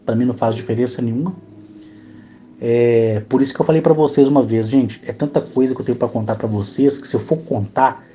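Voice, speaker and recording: A man with a Brazilian Portuguese accent telling his experiences in phone voice messages, earnest and emotional, slowing to a solemn pace when he quotes himself. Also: medium pitch, mellow. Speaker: channel host recounting alien contact experiences. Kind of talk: storytelling in recorded voice messages.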